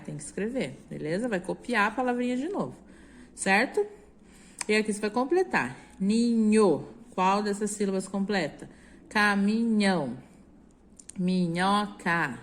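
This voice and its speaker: A woman teaching young children, speaking slowly and sounding out each syllable clearly, then asking them to repeat after her. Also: mid-range voice, a little hiss or hum. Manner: slow, sounds out syllables clearly, asks for repetition. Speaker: primary school teacher. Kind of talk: recorded remote class explanation.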